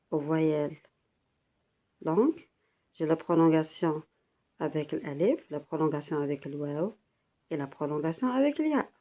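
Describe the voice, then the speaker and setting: A woman's voice: low-pitched, highs cut off. A woman teaching a beginner language lesson, patiently sounding out syllables and repeating each one. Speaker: Arabic teacher.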